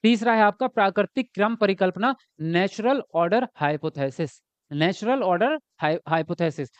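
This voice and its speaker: A man's voice: high-pitched, expressive, normal speed, smooth, dry recording, muffled recording. A man teaching an online exam-prep class, explaining step by step, asking questions and answering them himself, and reading out viewer comments. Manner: reads viewer comments aloud and talks to them. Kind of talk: live online class lecture.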